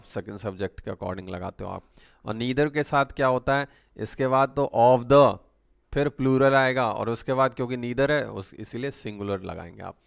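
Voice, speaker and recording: A man teaching English grammar, reading each example sentence slowly in Indian-accented English and explaining in Hindi, checking in with "है ना". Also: medium pitch, creaky, clean tone. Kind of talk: bilingual grammar lesson.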